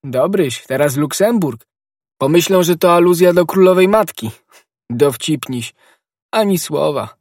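A man's voice: fairly high pitch, expressive, unhurried, darkish tone, no room sound, studio quality, pitched above the performer's own voice. A man reading a grave, admonishing noble musketeer in a raised voice in an audiobook. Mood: scolding. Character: proud stern nobleman musketeer, older friend.

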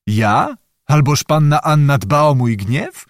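A man's voice: a little high, very animated, takes it slowly, no room sound, heavily acted. A man voicing a dry, ironic young lieutenant in an audiobook.

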